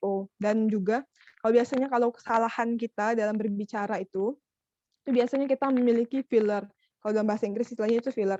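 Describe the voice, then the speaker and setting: A woman's voice: fairly high pitch, mellow. A young woman giving an online workshop talk as a trainer, chatty, calling her listeners "Dek". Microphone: video call. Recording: muffled video call audio.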